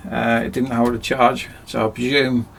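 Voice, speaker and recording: Chatty gravelly-voiced man in a workshop. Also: mid-range voice, flat delivery, normal speed, fairly bright tone, slight background noise. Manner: chatty, rambling, self-mocking. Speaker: DIY video host. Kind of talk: casual workshop chat. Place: cramped home workshop.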